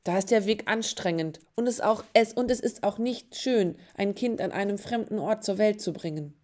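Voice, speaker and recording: A woman voicing a gentle young pregnant woman in a storybook reading. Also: mid-range voice, moderate pace, lightly acted. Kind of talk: storybook narration.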